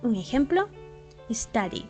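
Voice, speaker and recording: A woman's voice: on the high side, big pitch swings, slow pace, darkish tone, faint music behind. A woman English teacher and native Spanish speaker, explaining grammar rules step by step in a patient classroom style with rhetorical questions.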